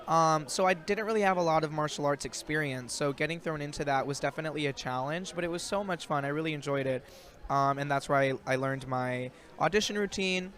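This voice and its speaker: A man's voice: a little high, brisk, fairly bright tone. A young adult man, an actor guest, answering interview questions in a loose, rambling way full of ums and likes. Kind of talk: casual interview chat. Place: outdoors in a built-up area.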